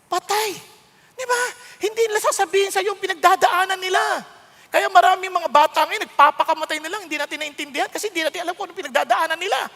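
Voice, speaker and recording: A man in his sixties with a Filipino accent preaching a sermon, mixing Tagalog and English in an emphatic, conversational way with sudden loud outbursts. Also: very high-pitched, fast, gravelly. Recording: long hall reverb.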